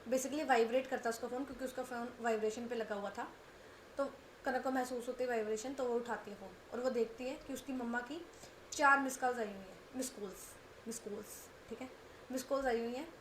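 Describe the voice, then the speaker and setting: A woman's voice: sits high, reverberant, a little hiss or hum. A woman casually narrating a romance story as the channel's storyteller, chatty, often repeating herself. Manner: chatty, repeats phrases and asks "ठीक है".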